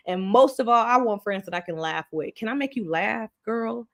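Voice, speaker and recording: A woman's voice: a little high, animated, moderate pace, a bit bright. A woman hosting a live stream show, chatting candidly and bluntly about friendship, swearing freely and laughing often. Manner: blunt and profane, laughs often, slips into acted quotes. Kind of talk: candid casual chat.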